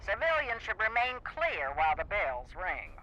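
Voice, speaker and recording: An official emergency announcer whose warning comes through a loudspeaker as a game radio broadcast. The male voice sits unusually high. The broadcast sounds dull and muffled, with a thin layer of hiss underneath. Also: huge pitch swings, normal speed, heavily acted. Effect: emergency radio broadcast over a loudspeaker. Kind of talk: scripted public announcement.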